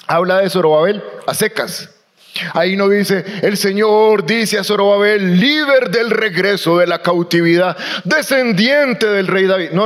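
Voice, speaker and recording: High-voiced man preaching a sermon. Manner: rallies the congregation to read aloud. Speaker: pastor.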